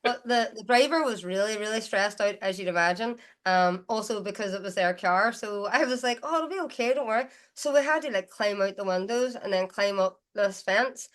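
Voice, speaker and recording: A woman's voice: mid-range voice, normal speed, hardly any pauses. Chatty woman with a Derry accent. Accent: Derry, Northern Irish. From Derry, Northern Ireland. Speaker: guest musician. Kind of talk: casual chatty storytelling.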